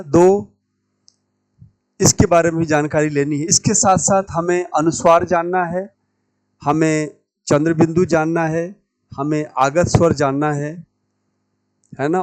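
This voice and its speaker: A man teaching Hindi grammar at a board, speaking in a fairly high voice. He slows down to say key sounds over and over, stressing each one for his students. The sound is close and dry, with no room echo. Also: a little mellow. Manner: repeats key words slowly, stressing pronunciation. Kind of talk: classroom lecture at a whiteboard.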